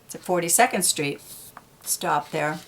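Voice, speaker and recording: In a low voice with vocal fry, a woman reads a picture book to kids at a measured pace. She steps out of the story now and then for casual explanations of the pictures.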